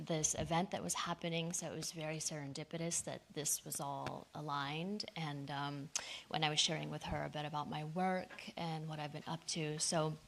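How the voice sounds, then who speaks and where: A woman with a notably low voice speaks from a podium in a lecture setting, telling her story in an earnest, conversational manner full of small fillers. A faint hiss sits under her miked voice. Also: level tone, moderate pace, gravelly. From United States. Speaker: guest speaker. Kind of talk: public talk at a podium. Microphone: handheld or lapel microphone.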